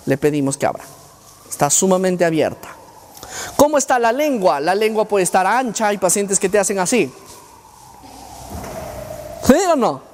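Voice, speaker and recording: This middle-aged university lecturer speaks in a high voice, peppering his listeners with rhetorical questions. The recording, made in a lecture hall, carries long reverb and a slight hiss or hum.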